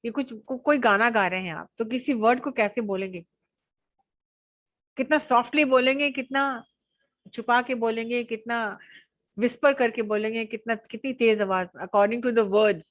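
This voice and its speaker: A young adult woman giving an online college lecture, lively and often laughing as she acts out examples with her voice. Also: fairly high pitch, a little slow, no echo.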